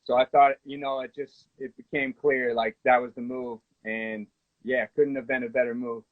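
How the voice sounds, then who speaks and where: Man, late 30s, from the US, relaxed rambling storyteller, tinny phone sound, dry. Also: mid-range voice, moderate pace, no room sound. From United States. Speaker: guest musician. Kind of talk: casual interview chat. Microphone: phone on a live video call.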